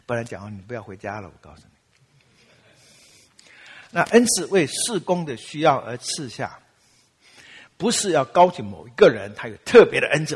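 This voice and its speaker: Medium in pitch with a breathy edge, the voice carries a long reverb tail. It belongs to a Taiwanese pastor, accent distinctly Taiwanese Mandarin, who tells stories during his sermon and animatedly voices the quotes with laughter.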